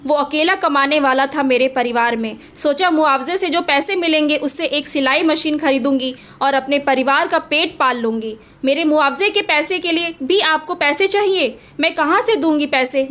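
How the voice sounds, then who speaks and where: A woman's voice: high-pitched, normal speed, few pauses, fairly bright tone. A woman voicing a poor grieving mother who pleads desperately with an official. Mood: pleading.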